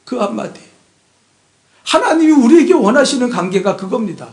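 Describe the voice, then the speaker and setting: A male pastor preaches a sermon in a high, lively voice that leaps up and down. He moves from loud exhortation to hushed asides and keeps prodding his flock with questions. The church room around him rings with echo. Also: moderate pace. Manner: emphatic, keeps prodding the congregation with rhetorical questions. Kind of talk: Sunday sermon. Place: church sanctuary.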